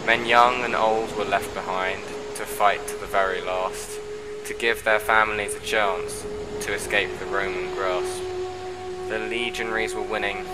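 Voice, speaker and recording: Young man, low voice, flat delivery, measured spoken-word recitation, loud backing music. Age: young adult. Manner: measured, rhythmic recitation with a repeated refrain. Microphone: close mic, audio overdubbed. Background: loud music bed.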